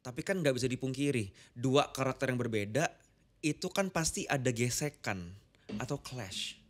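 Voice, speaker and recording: Male podcast host: attentive, brief acknowledgements, mid-pitched, summarizing questions. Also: normal speed. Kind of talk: casual podcast conversation.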